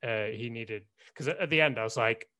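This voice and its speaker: A man's voice: mid-range voice, brisk, sharp tone, clear, resonant tone. A man co-hosting a casual panel chat, dry and a bit grumbly. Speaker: co-host.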